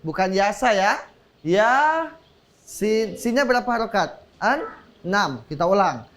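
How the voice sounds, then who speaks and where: A man's voice: sits high, lively intonation, normal speed, a bit bright, a little hiss or hum. A man teaching children as a religious teacher on a TV show, quizzing them and leading call-and-response with frequent praise. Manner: encouraging, quizzing, exclaiming praise often. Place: TV studio.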